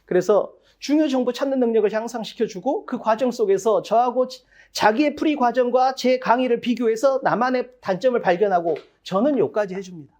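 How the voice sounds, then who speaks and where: Speaking briskly with medium pitch and a darkish tone, an English cram-school instructor addresses parents at an info session. The delivery is blunt and emphatic, heavy on rough slang and self-answered rhetorical questions.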